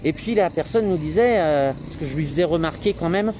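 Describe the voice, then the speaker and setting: A man with an accent from France hosts an informal interview in a mellow, slightly high voice. His delivery is conversational and hesitant, a little muffled by a face mask. Faint background noise sits behind him. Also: animated, fairly quick. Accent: French from France. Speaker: interviewer and reporter. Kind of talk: informal on-location introduction and interview.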